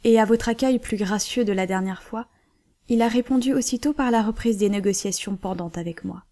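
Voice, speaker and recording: A man's voice: high voice, brisk, warm tone. A woman reading the part of a worried, gloomy middle-aged banker, keeping close to her own voice. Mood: plaintive.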